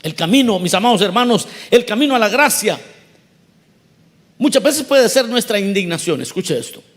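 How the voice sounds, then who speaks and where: High-voiced man preaching a sermon. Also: expressive, normal speed. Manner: conversational preaching, asks the congregation questions; acts out quoted voices with big swings of pitch and loudness. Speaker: pastor.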